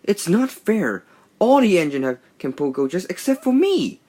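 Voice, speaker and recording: Storybook tank engine, read by a man: young, male, cheeky and impatient, excitable halting lines with lively pitch. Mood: indignant.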